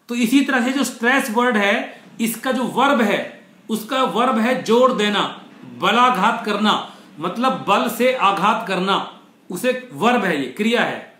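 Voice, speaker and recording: Man, fairly high voice, motivational lecture, step-by-step explaining, slowed stress on key words, english phrases mixed in, echoey room. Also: fairly bright tone. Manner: mixes English phrases into his talk. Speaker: motivational speaker. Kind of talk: online lecture session.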